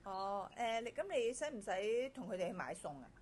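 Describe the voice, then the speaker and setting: A woman interviewing a job candidate in a brisk conversational way, repeating and rephrasing her questions. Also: medium pitch, big pitch swings, background noise. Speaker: interviewer screening a domestic helper.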